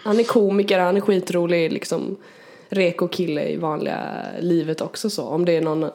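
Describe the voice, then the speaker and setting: A woman co-hosting a podcast, chatting casually and telling an animated story with frequent laughter. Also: lowish voice. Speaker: podcast co-host.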